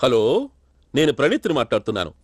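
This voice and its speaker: An actor playing a sly, coarse-talking rustic uncle who bursts into shouting. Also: male voice, medium pitch, sing-song, quick pace, natural voice. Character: sly rustic middle-aged uncle, blustering. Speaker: elder uncle in a family comedy. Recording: film audio with clear background noise.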